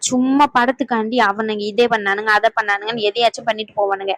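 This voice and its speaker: A woman's voice: a little high, steady tone, quick pace, fairly bright tone, no echo, low-quality recording. A woman voicing a worried, reproachful young woman in a cartoon who lectures and scolds her friend. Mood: scolding. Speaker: voice actor. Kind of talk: cartoon dub acting.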